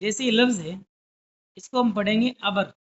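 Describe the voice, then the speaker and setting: A woman teaching a lesson at a careful pace, sounding out letters and words one at a time. She keeps stopping to check that her students follow. The recording is a little dull and lo-fi. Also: mid-range voice. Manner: slow, deliberate letter-by-letter explaining with frequent checks. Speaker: Urdu teacher. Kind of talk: classroom lesson.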